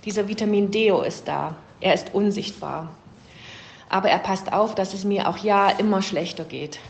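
A woman voicing Dignity, a gravely ill, weak female figure who wheezes in a read-aloud fable. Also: mid-range voice, moderate pace, slight background noise, close to an everyday voice. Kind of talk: storybook reading. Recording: roomy echo.

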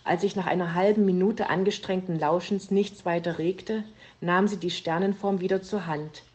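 Low-voiced woman telling a children's story. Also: fairly even intonation, normal speed, darkish tone.

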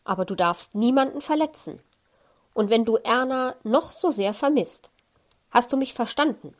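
A woman's voice: on the high side, expressive, moderate pace, close to an everyday voice. A woman reading a children's audiobook, voicing a caring but firm female caregiver in her own, lightly raised voice. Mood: stern. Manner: gently firm, soothing.

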